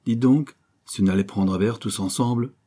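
A man's voice: fairly low pitch, moderate pace, dark tone, slightly rough. A man reading an audiobook, voicing a jovial, brawny male editor calling out from above.

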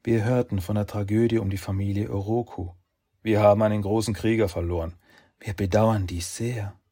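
A man's voice: fairly low pitch, fairly even intonation, moderate pace, mellow, slightly rough, dry recording, studio quality. A man voicing cold, menacing, authoritative clan elders in a dramatic audiobook. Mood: cold, formal. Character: three shadowy clan elders, cold, monotone, commanding, menacing.

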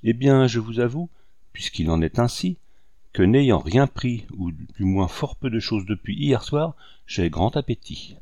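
A man's voice: on the low side, animated, a little slow, dark tone, no room sound, clean studio sound. A man reading the lines of a young noblewoman taken captive, in an earnest, emotional audiobook delivery.

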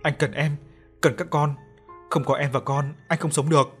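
A man's voice: on the high side, steady tone, normal speed, lightly acted. A man playing a grief-stricken young husband who pleads desperately, with faint music behind.

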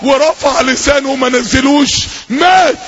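A male preacher with an Egyptian accent, giving an impassioned sermon to a gathering, often shouting and repeating himself. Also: very high-pitched, moderate pace, a faint crowd. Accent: Egyptian Arabic. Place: public gathering. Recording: dull lo-fi recording with faint hiss.

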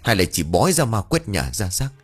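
A man voicing a gruff, quick-tempered old village husband who talks in curt, irritable grumbles. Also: on the low side, lively intonation, soft background music. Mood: angry.

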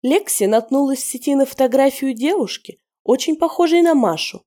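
A woman voicing a scheming, spiteful middle-aged female werewolf with a sneering, taunting manner that turns shrill under pressure, in a storybook reading. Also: expressive, a little fast, dark tone. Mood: confessing.

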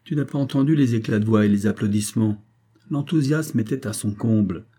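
A domineering, exalted billionaire father from an audiobook, put on by a male reader. His voice is low, dark and husky. He presses each point hard and rises into emphatic reproach. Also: a little fast. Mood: boastful. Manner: forceful, reproachful, rising to emphatic outbursts. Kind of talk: audiobook character reading.

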